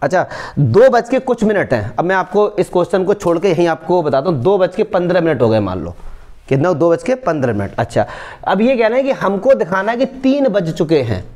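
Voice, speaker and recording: A man's voice: high-pitched, very animated, brisk, a little mellow. A man teaching a maths lesson for board exams, explaining step by step and checking often that students follow. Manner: coaxing, checks understanding often.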